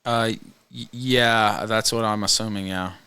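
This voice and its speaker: A man hosting a livestream with casual commentary, speaking hesitantly with pauses. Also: fairly low pitch, steady tone, pushed and bright, clean tone, dry recording. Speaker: livestream host.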